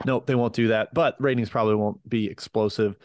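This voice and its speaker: A man's voice: fairly low pitch, steady tone, a little fast, dry recording. A man hosting a sports betting panel chat, talking casually and passing questions to colleagues. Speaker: podcast host.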